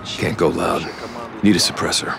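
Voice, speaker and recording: An actor playing a laconic American special operative in a video game, muttering short lines in an American accent. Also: male voice, sits low, flat delivery, moderate pace, creaky, over music. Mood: terse. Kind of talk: video game dramatic acting. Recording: loud ambient noise behind game dialogue.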